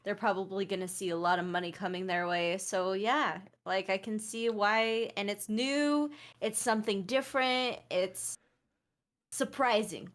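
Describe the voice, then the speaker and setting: A woman co-hosts a laid-back podcast in a voice of ordinary middle pitch. She talks in a chatty way, hedging her points and padding them with fillers and asides. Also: steady tone, unhurried, fairly bright tone. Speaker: podcast co-host and streamer. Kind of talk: casual podcast chat.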